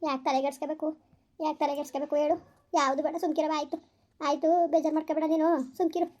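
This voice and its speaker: A woman plays a weary village mother, rattling off her words at a breakneck clip. Her voice sits high and barely moves in pitch, firm and fatalistic as she hushes her child. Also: little pitch movement, lightly acted. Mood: resigned. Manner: fast, scolding, fatalistic. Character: weary village mother, scolding yet resigned. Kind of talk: village family drama.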